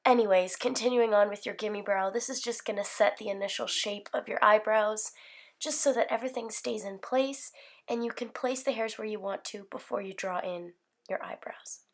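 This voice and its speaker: A beauty vlogger in her twenties, hoarse from a slight cold, talks through a makeup tutorial from her bedroom filming setup. Her medium-pitched voice moves at a moderate pace, chatty and upbeat, rambling along with plenty of fillers.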